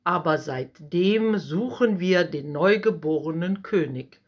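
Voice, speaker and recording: Woman doing excited wise men, eager, a bit higher voice, storybook. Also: takes it slowly, dull audio. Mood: earnest. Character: group of wise male stargazers, eager.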